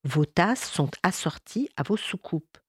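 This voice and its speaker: A woman storyteller voicing a kind, gentle middle-aged housewife who speaks softly and coaxingly. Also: on the low side, sing-song, unhurried, slightly rough, no room sound, clean studio sound, exaggerated voice. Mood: reflective.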